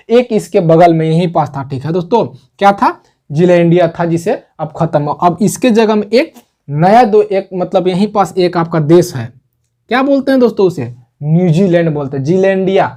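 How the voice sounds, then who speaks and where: A man's voice: a little high, a little mellow. A man teaching an online geography lesson. He repeats each point, asks questions and answers them himself, and keeps saying "okay, friends" between points.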